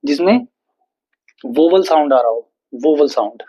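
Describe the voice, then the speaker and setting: A man teaching an English grammar lesson, explaining slowly and repeating words with frequent checks. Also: a little high, expressive, dark tone, husky. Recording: dull lo-fi recording.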